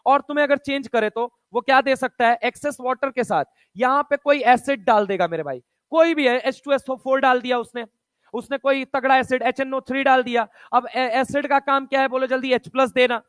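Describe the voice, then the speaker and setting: A man with a very high-pitched voice teaches a chemistry lesson. He fires rapid questions at his students, counts atoms aloud and slips between Hindi and English textbook phrases with casual, chummy energy. The sound is dry and close, with no room around it. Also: a bit bright, smooth, dry recording. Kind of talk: online chemistry lecture.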